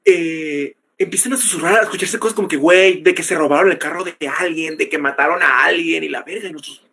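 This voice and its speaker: A man's voice: high voice, a bit bright, slightly rough. A young man with a Mexican accent, co-hosting a podcast and telling a story in casual, slangy chat, acting out the quotes. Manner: slangy, peppers lines with "güey", acts out quotes. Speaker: podcast co-host.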